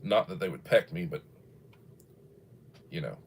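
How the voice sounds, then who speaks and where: Deep and expressive, this early-sixties man's voice unfolds unhurriedly as he hosts a livestream, casually rambling in a folksy way and reading out viewer comments. A little hiss or hum can be heard.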